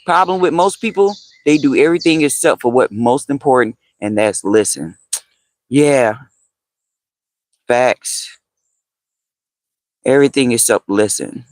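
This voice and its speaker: A man's voice: mid-range voice, lively intonation, measured pace, long pauses, a little mellow, dry recording. A man hosting a casual livestream, chatting with viewers, answering their comments, repeating phrases and laughing often. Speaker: livestream host.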